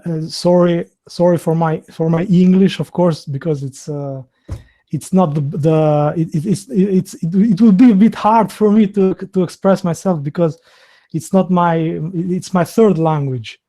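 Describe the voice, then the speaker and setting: This host is a man from Albania in his thirties whose native language is Albanian, and his accent shows it. He runs a live online video interview in a hesitant, stop-start manner with many fillers and restarts, his voice sitting high and sounding mellow.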